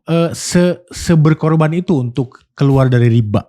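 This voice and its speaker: A man's voice: fairly high pitch, moderate pace, warm tone. A man from Indonesia hosting an interview, mostly giving short replies and asking the odd question. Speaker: host interviewer.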